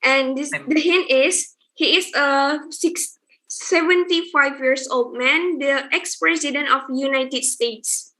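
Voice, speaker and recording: A woman's voice: high-pitched, fairly even intonation, slow pace, pushed and bright. A young woman hosting an online student event, calling on delegates one by one and encouraging them.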